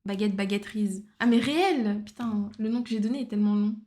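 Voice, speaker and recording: A woman's voice: mid-range voice, a little fast, mellow. A woman streamer chatting casually while she draws, slipping English phrases into her talk and muttering to herself as she works. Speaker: art livestreamer. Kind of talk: casual livestream chat while drawing.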